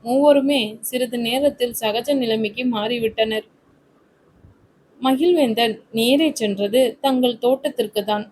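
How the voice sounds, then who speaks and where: A woman narrating a romantic family story in a steady, literary storytelling manner. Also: a little high, a little hiss or hum, poor audio.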